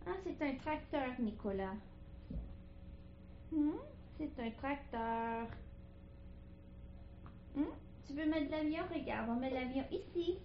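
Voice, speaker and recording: High sing-song mother. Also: a little hiss or hum. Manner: sing-song, coaxing, slow and exaggerated. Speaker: parent talking to a toddler. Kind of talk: home video baby talk. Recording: echoey, slightly muffled home video.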